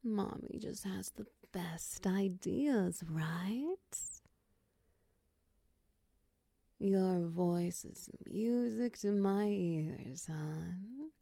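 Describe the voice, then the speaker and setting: A woman voicing a motherly, possessive snake-tailed woman in a soft, close, whispered ASMR roleplay, coaxing and soothing. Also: medium pitch, animated, drawn-out words, hardly any pauses, no room sound, exaggerated voice. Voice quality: breathy whisper.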